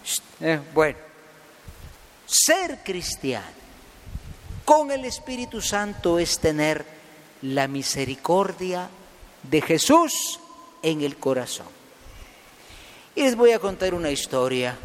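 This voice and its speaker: Animated preacher man in a reverberant hall. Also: fairly high pitch, slow pace, long pauses. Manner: animated storyteller hushing listeners, voicing animals. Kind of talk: sermon storytelling.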